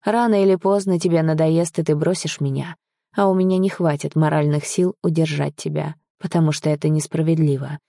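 A woman voicing a brooding young man in a wheelchair, gruff and bitter but tender. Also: sits low, fairly even intonation, a little fast, dark tone, no room sound, clean studio sound.

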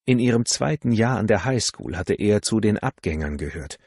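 A man reading a novel aloud as an audiobook narrator, in a calm, measured way. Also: fairly low pitch, gravelly, husky, dry recording, clean studio sound. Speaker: audiobook reader.

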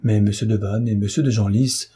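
A man reading a historical novel aloud in a measured, even storytelling manner. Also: on the low side, slightly rough. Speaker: audiobook reader.

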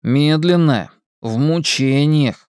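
A reader voicing a quiet boy with a dry, deadpan delivery. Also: medium pitch, slow pace, no echo, close to an everyday voice.

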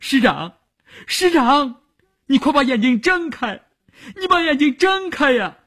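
A shrill, wailing young orderly. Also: male voice, very animated, a little slow, fairly bright tone, heavily acted. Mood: crying. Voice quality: shrill, strained falsetto.

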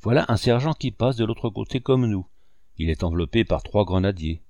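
A man narrating a first-person memoir in a steady, measured way. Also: fairly low pitch, dry recording, dull audio. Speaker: audiobook reader.

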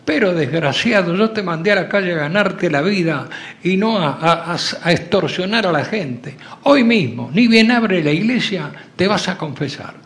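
A man's voice: high-pitched, animated, normal speed, fairly bright tone. An Argentine man voicing a father who scolds his son in an indignant way. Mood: scolding. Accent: Argentine Spanish. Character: scolding middle-aged father.

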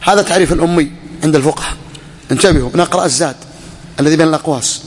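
Man, religious teacher, quick speech, questions the class, long hall reverb. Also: a little high, slightly rough. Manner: questions students and repeats key phrases. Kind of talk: classroom lecture on a legal text. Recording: echoey hall.

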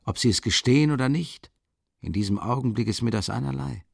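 An actor voicing a shrewd middle-aged investigator who speaks in a calm, insistent half-whisper. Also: male voice, medium pitch, fairly quick, creaky, breathy edge, dry recording, clean studio sound. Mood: calm, persuasive.

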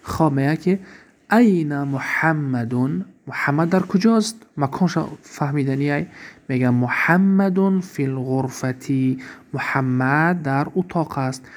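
A fairly high-pitched man teaches an Arabic grammar lesson. He reads example sentences slowly, then poses his own questions and answers them.

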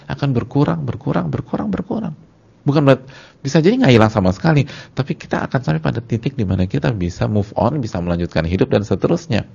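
A man giving a sermon to his congregation in casual slang, repeating words for emphasis and swinging between loud and soft. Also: mid-range voice, animated, quick pace, creaky, slightly rough. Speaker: Islamic preacher. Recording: dull lo-fi lecture recording.

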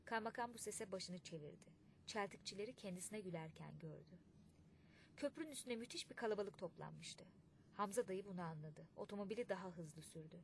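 A woman reading a literary audiobook in a measured, expressive way. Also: medium pitch, creaky, slight background noise. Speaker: audiobook narrator.

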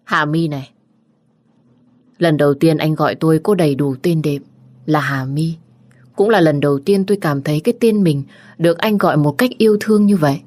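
Brief: female narrator, deep-set voice, first-person romance reading. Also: a little fast, mellow.

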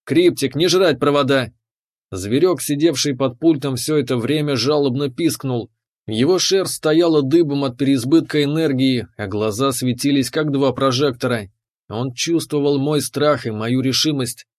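A man's voice: mid-range voice, moderate pace, a little mellow. A man narrating a first-person space adventure audiobook in a tense, dramatic way.

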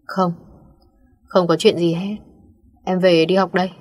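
A woman's voice: lowish voice, flat delivery, measured pace, darkish tone. Woman reading a tearful young student girl. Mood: insistent. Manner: insistent, pleading. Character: young female student, tearful but guarded.

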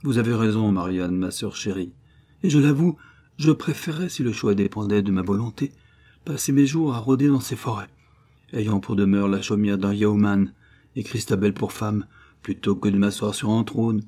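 A man's voice: on the low side, moderate pace, warm tone, lightly acted. A man voicing a courteous, earnest young knight in a storybook reading.

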